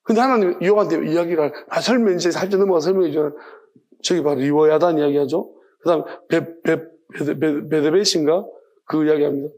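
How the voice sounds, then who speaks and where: A male pastor gives a lively, chatty midweek sermon and laughs easily. His voice sits high for a man. It has a gravelly edge throughout. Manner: animated, conversational, laughs often.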